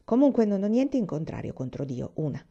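A woman's voice: medium pitch, very animated, brisk, warm tone, muffled recording. Woman reading as a blunt, stubborn orphan girl.

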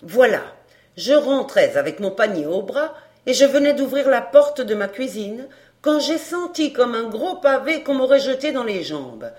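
A flustered old servant woman bursts out her story in a loud, breathless, scolding voice, as a woman reads her. Her voice sits a little high. The storybook feel stays plain and spoken. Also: big pitch swings, moderate pace. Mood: agitated. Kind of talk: audiobook character reading.

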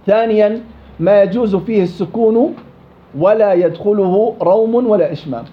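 Here the man teaching tajweed has a high-sitting voice and speaks at a normal speed. As a Quran recitation teacher, he tests the class and has them repeat examples aloud, all captured in a dull, lo-fi classroom recording.

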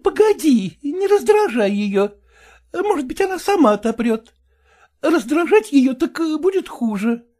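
A woman voicing an exasperated middle-aged mother who defends herself and tries to calm her husband, in an audiobook reading. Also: high voice, unhurried. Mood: soothing. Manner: defensive, pleading.

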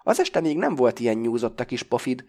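A man's voice: mid-range voice, very animated, darkish tone. A man doing an anxious, doting woman. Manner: alarmed, doting. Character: anxious, doting middle-aged woman passenger.

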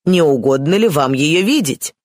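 A reader voicing a jovial middle-aged colonel who makes loud announcements to the company, in an audiobook. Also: mid-range voice, very animated, normal speed, no echo, studio quality. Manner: loud, declaiming.

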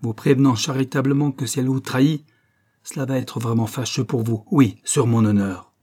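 Un homme lisant un livre audio prête sa voix à un jeune peintre ferme, au ton mesuré et formel. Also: male voice, medium pitch, warm tone, close to an everyday voice. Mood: menacing. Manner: measured, formal, pressing. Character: young painter, firm, controlled, growing angry.

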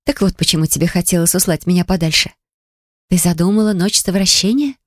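A woman's voice: on the low side, brisk, dry recording, clean studio sound, close to an everyday voice. A woman reading the part of a curious young woman teasing and prying at a friend with eager questions.

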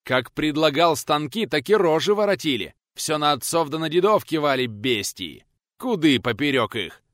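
A man voicing a fierce elderly retired teacher who shouts and scolds in rustic old speech. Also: on the high side, expressive, normal speed, no echo, studio quality, voice pushed up. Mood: bitter ranting.

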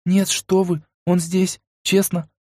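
Brief: a man doing a scared tearful young woman, higher voice, pleading and trembling, dry studio read. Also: steady tone, fairly quick, warm tone, no echo, close to an everyday voice. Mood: scared whisper. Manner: pleading, whimpering, tremulous. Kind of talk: audiobook character voice.

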